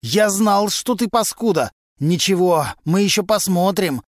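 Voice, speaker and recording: A man voicing a desperate middle-aged male murder suspect who pleads and yells in panic. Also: fairly high pitch, big pitch swings, normal speed, no room sound, clean studio sound, pitched above the performer's own voice. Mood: yelling. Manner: pleading, then yelling in panic.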